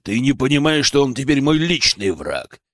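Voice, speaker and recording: A man's voice: mid-range voice, big pitch swings, moderate pace, a bit bright, no echo. A man voicing a hulking, hot-tempered fighter who growls and snarls. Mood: angry.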